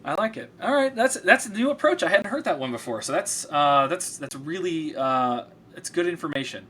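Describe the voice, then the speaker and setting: A man's voice: a little high, big pitch swings, moderate pace, pushed and bright, husky. A man hosting a casual interview, upbeat and chatty, laughing easily. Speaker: interview host.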